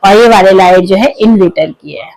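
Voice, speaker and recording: A woman from Uttarakhand in her thirties, loudly and chattily vlogging her day at home and in the kitchen while feeling a bit unwell. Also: mid-range voice, normal speed, crowd noise, low-quality recording. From Uttarakhand, India. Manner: loud, talkative, says she speaks loudly by habit. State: unwell, tired. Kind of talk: casual home vlog chat. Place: small home rooms and kitchen. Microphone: clip-on mic at times, later phone camera without it.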